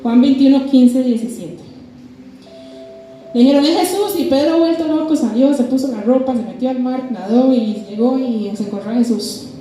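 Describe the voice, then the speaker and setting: A woman's voice: sits high, normal speed. Impassioned woman preaching in an echoey church. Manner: impassioned, acts out dialogue between biblical figures. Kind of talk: sermon. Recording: echoey church hall with music. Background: soft music.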